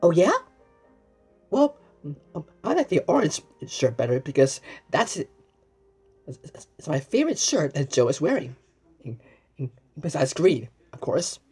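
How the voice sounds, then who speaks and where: Over soft background music, a woman with a low, dark, slightly rough voice reads a children's storybook in a very animated way. She exclaims, asks the listener questions and pauses as if they answer, often stumbling over and repeating words, with asides to the viewer.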